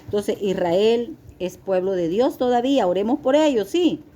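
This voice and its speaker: Mellow-voiced woman preaching earnestly. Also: mid-range voice, normal speed, slight background noise. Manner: earnest, confessional, addresses listeners as beloved. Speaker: lay preacher. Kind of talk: testimony-style sermon.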